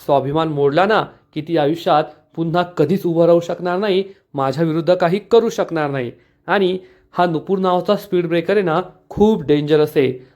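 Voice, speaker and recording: A scheming young woman plots coldly against a rival, read out by a man in a recap. The voice sits a bit high and the recording sounds a touch dull and muffled. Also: darkish tone, close to an everyday voice.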